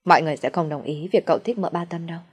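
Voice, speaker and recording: A woman's voice: on the low side, racing, slightly rough. Woman doing a nosy young servant guy, always asking stuff. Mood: curious worried. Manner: inquisitive, prying. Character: curious, worried young male servant.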